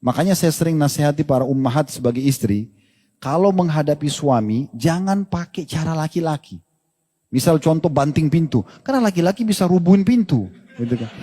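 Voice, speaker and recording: Husky man preaching with hall reverb. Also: fairly high pitch. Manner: animated, conversational preaching to men and wives. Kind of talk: sermon.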